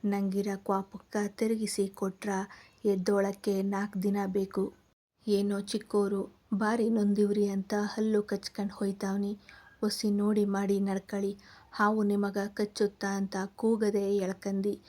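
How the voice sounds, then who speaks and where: A woman reading the part of a blunt, short-tempered young village man who talks in thick rural dialect. The voice stays flat and dark in the manner of a storybook reading. The speech is rough and plain-spoken. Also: mid-range voice, measured pace, natural voice. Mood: indignant.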